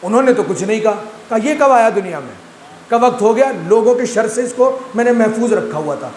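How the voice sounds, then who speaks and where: A man's voice: high voice, lively intonation, a little mellow, slight background noise. A man from Pakistan giving a Muharram majlis sermon, often putting rhetorical questions to his listeners. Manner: rhetorical, asks the audience questions. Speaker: Shia majlis speaker. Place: large imambargah hall. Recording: echoey hall recording, faint room ambience.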